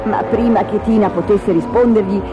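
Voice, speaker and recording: A woman reading a children's storybook aloud in an expressive, animated way. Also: mid-range voice, moderate pace, muffled recording. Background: music.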